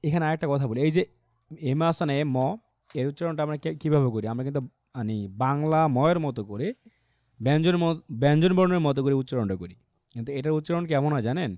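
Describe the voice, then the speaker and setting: A man with a fairly high voice leads an online English lesson, speaking patiently and drawing out example phrases slowly to show the stress. His voice comes through a computer microphone on a video call, with a dry, close sound. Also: animated, darkish tone, no echo. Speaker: English teacher. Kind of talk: online class instruction. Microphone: computer mic on a video call.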